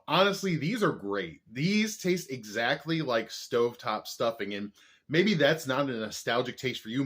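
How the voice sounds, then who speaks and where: A man's voice: medium pitch, fairly bright tone. A man chatting casually as the host of a snack review vlog, with a jokey, playfully exaggerating way of talking. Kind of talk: casual food review chat.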